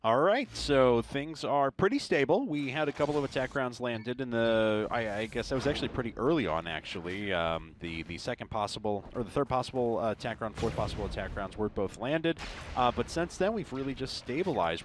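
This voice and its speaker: A man with a mid-pitched voice commentates an esports match live. He talks like a conversational caster, analysing the play as he goes, over faint background noise. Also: animated, a little fast.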